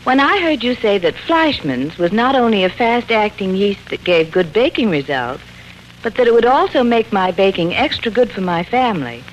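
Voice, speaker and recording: Woman doing a chirpy housewife in an old radio ad, lively up-and-down voice. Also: medium pitch, moderate pace, slight background noise, close to an everyday voice, rough recording. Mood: eager. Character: cheerful home-baking housewife in an ad. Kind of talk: 1940s radio ad acting.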